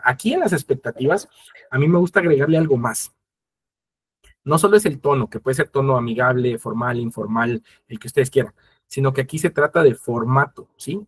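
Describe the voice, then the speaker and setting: A man's voice: mid-range voice, slightly rough. A man presenting an instructional webinar, explaining step by step, addressing his audience directly and acting out quoted conversations.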